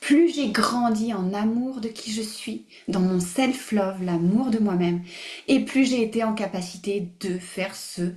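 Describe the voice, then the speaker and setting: A woman hosting a live online masterclass, animated and emphatic, repeating phrases, mixing in English words and laughing often. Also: medium pitch, unhurried. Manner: mixes English words into her speech. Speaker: masterclass host. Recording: roomy echo.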